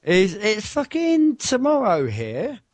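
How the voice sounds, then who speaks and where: A man's voice: high-pitched, wildly swooping pitch, slow, no echo. A man hosting a live video chat at his computer, rambling and swearing in casual banter.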